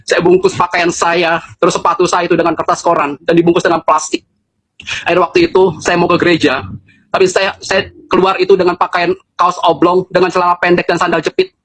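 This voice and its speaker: Fast-talking man telling a personal testimony. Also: high-pitched, level tone, fairly bright tone, a little hiss or hum. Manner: earnest and conversational, often addressing listeners as brothers and sisters; casual spoken fillers throughout. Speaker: person giving a religious testimony.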